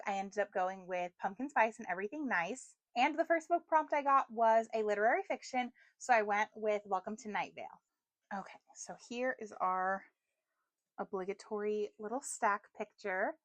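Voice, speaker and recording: A woman's voice: fairly high pitch, no echo. A young woman vlogging about books in a chatty, rambling way, full of fillers, recorded on a phone. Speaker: book vlogger. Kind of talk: casual chat.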